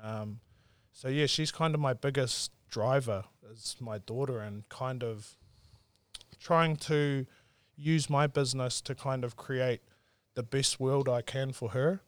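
Young kiwi guy w maori accent, mid pitched, laid back earnest podcast chat, dry close sound. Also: slow pace, no room sound. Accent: Māori New Zealand English. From South Auckland, New Zealand. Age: 20s. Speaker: podcast guest, entrepreneur. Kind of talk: casual interview chat.

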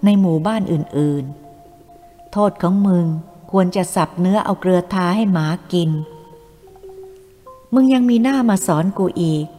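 A woman's voice: medium pitch, expressive, measured pace, pauses often, warm tone, natural voice. Brief: a woman playing a furious, fearless young captive, cursing, in a reverberant room with faint music. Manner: fierce, cursing, defiant.

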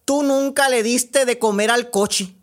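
A man's voice: very high-pitched, fairly even intonation, measured pace, pitched above the performer's own voice. A man voicing a stubborn young boy, arguing insistently against a chore. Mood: refusing.

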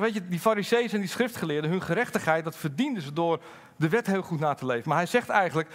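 Middle-aged male pastor, fairly high voice, sermon delivery, candid and lively, drops low for asides. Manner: lively, swings from loud emphasis to low confiding asides; candid, halting storytelling with fillers.

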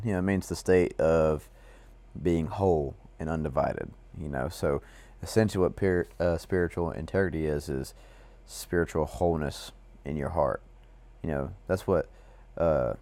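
A man with a very deep, mellow voice co-hosts a casual faith chat. He rambles loosely, leaning on fillers as he thinks aloud. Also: moderate pace. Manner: rambling, full of "you know" fillers. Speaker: co-host.

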